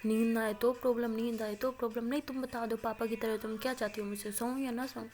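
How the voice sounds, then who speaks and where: A woman's voice: on the high side, level tone, fast talker, a little mellow, natural voice. A woman voicing a cheerful young college woman who teases and brushes things off in a told love story. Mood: teasing. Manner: teasing, dismissive, jokey. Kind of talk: storytelling with acted dialogue.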